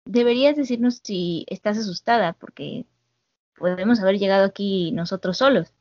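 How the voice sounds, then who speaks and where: A woman's voice: mid-range voice, moderate pace, darkish tone, no room sound, close to an everyday voice. A woman voicing a blunt, childish young male pirate captain, heard over slightly dull call audio. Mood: teasing.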